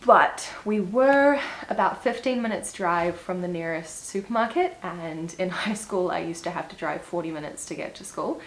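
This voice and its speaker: A woman's voice: fairly low pitch, animated, normal speed, hardly any pauses, slight background noise, poor audio. A woman in her twenties with a New Zealand accent, chatting casually to camera in a get-to-know-me vlog, upbeat with small laughs. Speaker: vlogger. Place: indoors at home, seated. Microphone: small clip-on mic.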